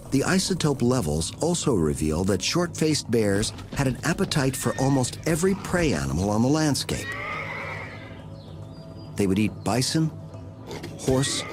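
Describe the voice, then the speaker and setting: A male narrator delivers scripted nature documentary storytelling in a dramatic way. His intonation swings expressively, and music plays clearly beneath his voice. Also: mid-range voice. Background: music under the voice.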